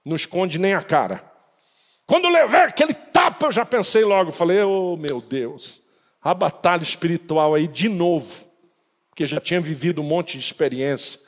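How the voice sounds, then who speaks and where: A man preaching a sermon as pastor, telling a story dramatically and rising to shouts at the peaks. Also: fairly high pitch, expressive, moderate pace, in a large hall. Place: church.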